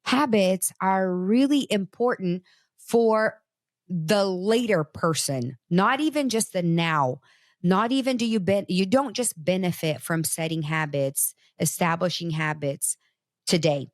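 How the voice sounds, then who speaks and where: An unhurried Brazilian host with a lowish voice, a native Portuguese speaker, gives a casual motivational talk. She's animated and chatty, addressing listeners directly, in a dry recording with clean studio sound.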